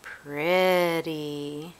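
A woman, a mother, chatting gently in a sing-song way to her toddler, repeating simple questions. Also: low voice, fairly even intonation, drawn-out words. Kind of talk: casual child-directed chat, gentle questions to a toddler. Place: carpeted room at home. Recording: home camera with clear background noise.

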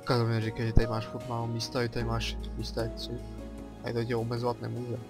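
A Czech-accented man hosts a let's play, talking through the game in a loose, chatty way. He thinks aloud and breaks into excited exclamations, with his voice sitting at an ordinary middle pitch and faint music playing behind him. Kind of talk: casual game commentary.

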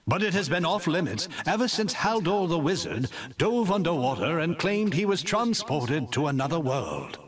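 An actor playing a storyteller who narrates old village lore in a video game. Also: male voice, on the high side, very animated, normal speed, few pauses, a crowd in the background. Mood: storytelling.

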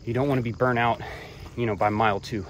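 A man vlogging hiking tips while walking a trail outdoors, relaxed and a bit profane, talking between breaths. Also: mid-range voice, fast talker, a little hiss or hum. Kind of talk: casual talk while hiking. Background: crickets and insects.

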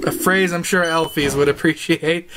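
A woman commentating her game playthrough, jokey and excitable, yelping and laughing. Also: deep voice, moderate pace, very noisy. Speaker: let's play gamer. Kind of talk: gaming commentary.

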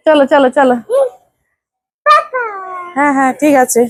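A woman's voice: sits high, level tone, a little slow, darkish tone, slight background noise. A young woman from India filming a casual travel vlog outdoors on her phone, soothing a fussing toddler and repeating her words. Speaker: vlogger and mother. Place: outdoors at a temple and metro station.

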